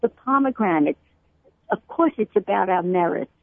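A woman's voice: mid-range voice, expressive, vocal fry, no room sound. Woman speaking over a tinny phone line. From Brooklyn, USA. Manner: explains at length with many pauses and fillers. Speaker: guest, cookbook author. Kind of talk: radio phone interview. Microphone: telephone.

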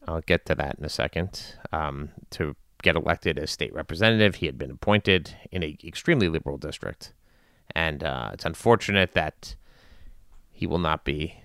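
A man giving informal news and community commentary in a measured, deliberate way with long pauses. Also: rumbling low, a bit bright, clean tone, no echo, studio quality. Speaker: commentator addressing his community.

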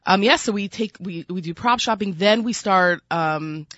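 A woman's voice: medium pitch, normal speed, fairly bright tone, no room sound, lo-fi sound. A woman with a Brooklyn accent talking casually as an interview guest, chatty and peppering her speech with "like" and "you know". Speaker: food magazine editor, interview guest.

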